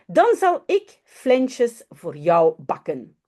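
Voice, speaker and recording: A woman voicing a proud, bossy little girl in a children's story, in a bright, insistent storybook voice. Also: fairly high pitch, wildly swooping pitch, drawn-out words, heavily acted.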